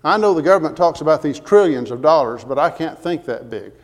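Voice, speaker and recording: A man's voice: on the high side, expressive, fairly quick, long reverb tail. A man preaching a sermon in an earnest, emphatic way, citing scripture verses as he goes.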